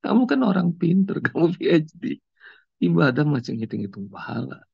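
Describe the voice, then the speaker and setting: Man doing a mysterious stranger, high-pitched, gently chiding, gravelly edge, dull recording. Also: sing-song, normal speed, dry recording, heavily acted. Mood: gently admonishing.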